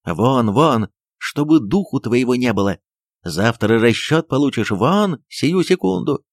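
A man reading an audiobook, voicing an enraged, unhinged middle-aged doctor who shouts at his household. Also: mid-range voice, animated, a little slow, dry recording, studio quality. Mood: furious. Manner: shouting, furious.

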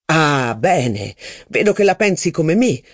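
Male narrator doing a fiery young aristocratic officer, high and insistent, bursting with enthusiasm. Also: dry recording, studio quality, full character voice. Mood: eager. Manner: excitable, insistent, quick to cheer.

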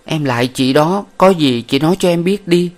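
A man's voice: on the high side, normal speed, darkish tone, voice pushed up, lightly acted. A man doing a tearful pleading young woman. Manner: pleading, sobbing. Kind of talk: audiobook character voice.

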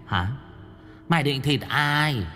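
A man's voice: medium pitch, expressive, slow, bright, forceful tone, in a large hall, soft background music, voice pushed up. Man doing a cackling, flamboyant burly ghost. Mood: taunting. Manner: mocking, bullying, cackling. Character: flamboyant burly male ghost in a woman's blouse.

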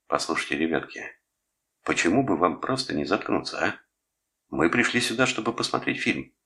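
Man voicing a young soldier, stern, curt, very low, gravelly. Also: animated, normal speed, pushed and bright, exaggerated voice. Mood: irritated. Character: tall young male soldier, angry.

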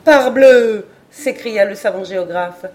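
A woman reading a classic adventure novel aloud in clear, measured storytelling. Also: medium pitch, a little mellow. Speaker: audiobook reader. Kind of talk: audiobook narration of a classic novel.

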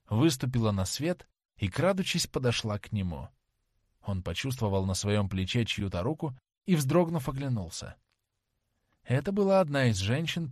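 A man narrating a classic novel as an audiobook in a dramatic, expressive manner. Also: mid-range voice, no room sound, studio quality. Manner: dramatic, lively storytelling.

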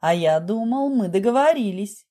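A woman voicing a smooth, scheming male clinic doctor who coaxes calmly, in a lower, husky voice. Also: moderate pace, lightly acted. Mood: coaxing. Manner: coaxing, calmly persuasive.

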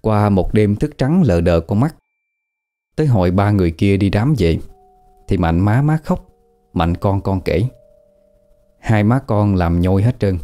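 Dark-voiced man telling a ghost story. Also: lowish voice, lively intonation, unhurried, long pauses, faint music behind. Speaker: narrator. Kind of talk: scripted ghost story narration.

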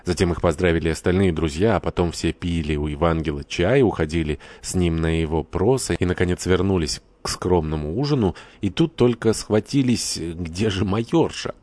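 Deep-voiced male audiobook narrator. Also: normal speed, hardly any pauses, a little mellow, no echo.

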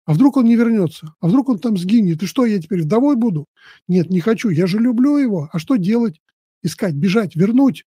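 A man's voice: high voice, expressive, brisk, dark tone, husky, dry recording. A man voicing a fretful, jealous young village wife who scolds shrilly and pleads tearfully, in a storybook reading.

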